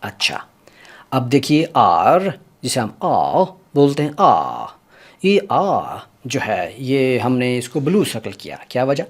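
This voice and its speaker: A male language teacher in an explanatory lesson, repeating each letter and sound aloud with deliberate care. His pitch rises and falls with a lively, animated swing. He speaks to his learners directly and politely. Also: husky. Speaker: English pronunciation teacher.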